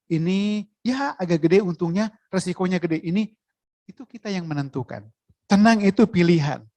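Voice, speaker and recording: A preacher giving a sermon, in a lively way, asking the listeners questions. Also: mid-range voice, no room sound.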